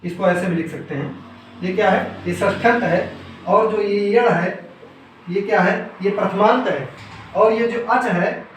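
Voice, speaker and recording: A man with a high voice teaches grammar step by step, putting a question to his listeners and then answering it himself. He stands back from the mic in a strongly echoing room, with a faint hiss underneath. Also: a little slow. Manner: asks questions and then answers them himself, repeating key terms. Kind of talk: explaining grammar rules step by step. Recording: echoey room, voice from some distance off the mic, faint noise.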